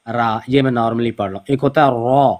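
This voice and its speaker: Male recitation teacher on an online call, mid pitch, slow and patient, models each sound by repeating it. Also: fairly even intonation, darkish tone. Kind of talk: online pronunciation lesson.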